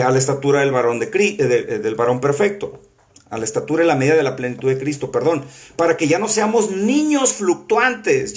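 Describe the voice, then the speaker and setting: A male preacher with a slightly high-pitched voice teaches a Bible class. He talks earnestly and conversationally, weaving scripture quotes in with frequent fillers and false starts. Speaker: apostle teaching a prophetic school class. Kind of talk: sermon-style Bible teaching.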